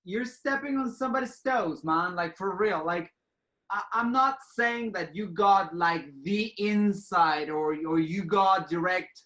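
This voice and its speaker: Bright, high-voiced male interviewer. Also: unhurried, reverberant. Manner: agreeable, backs the guest with short replies. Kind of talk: casual interview talk.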